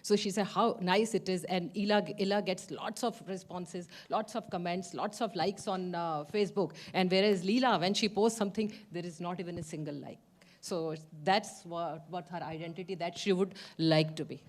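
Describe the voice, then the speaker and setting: Woman author on a panel, North Indian accent with a Punjabi tinge, fairly low voice. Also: fairly even intonation, moderate pace. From Chandigarh, India. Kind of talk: live panel conversation.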